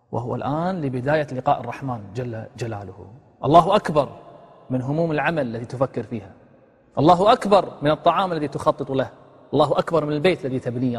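Fast-talking husky male religious teacher. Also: on the high side, long reverb tail. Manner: poses rhetorical questions and demonstrates the phrases he teaches. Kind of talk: religious lesson on prayer.

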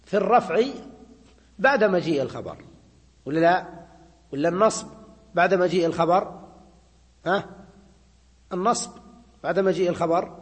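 A man's voice: high voice, normal speed, long pauses, long reverb tail. A man giving a classroom grammar lecture. He explains step by step, repeats his points and keeps checking in with students. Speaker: Arabic grammar teacher.

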